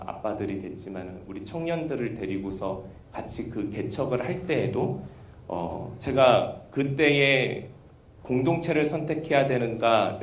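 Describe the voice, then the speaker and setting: A male pastor delivers an earnest sermon, shifting easily into chatty personal stories. His voice sits at an ordinary pitch. The sound is roomy and picked up from a distance, with a faint hum of ambience underneath. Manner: earnest, conversational preaching with personal asides.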